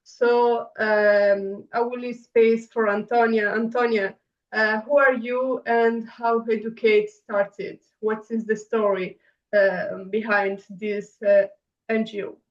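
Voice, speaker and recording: A woman's voice: on the high side, little pitch movement, takes it slowly. A woman hosting an interview, asking questions hesitantly with many "uh" fillers. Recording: dull, echoey and distant.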